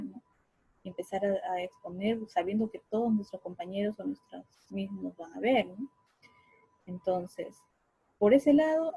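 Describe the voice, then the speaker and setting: A woman's voice: medium pitch, warm tone, husky, no echo, rough recording. A woman giving an informal talk on communication in the family, often tagging her sentences with a questioning "right?" and acting out what parents say to children. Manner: frequent tag questions and fillers; acts out parents' remarks to children.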